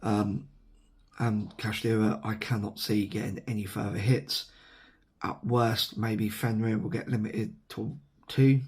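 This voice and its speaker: An English-accented vlogger, seated at his camera and recorded on its mic, rambles casually with lots of ums and self-corrections. He's losing his voice to a sore throat, so it sounds hoarse, though still lowish, unhurried and a little mellow with little pitch movement.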